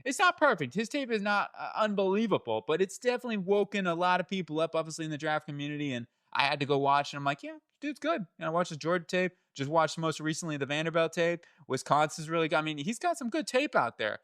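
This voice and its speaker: A man hosting his own channel, talking through football draft picks in a chatty, animated way that jumps up in pitch when he gets excited and often corrects himself. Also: fast, hardly any pauses, clear, resonant tone, no room sound, clean studio sound. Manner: chatty, self-correcting, laughs at own slips. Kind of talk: solo sports analysis talk.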